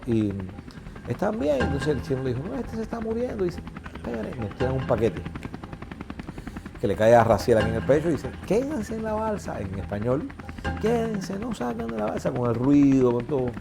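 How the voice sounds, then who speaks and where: In a personal storytelling interview, a middle-aged Cuban man recounts his own story with a Cuban Spanish accent, performing the voices of the people in it. His voice is gravelly and medium in pitch.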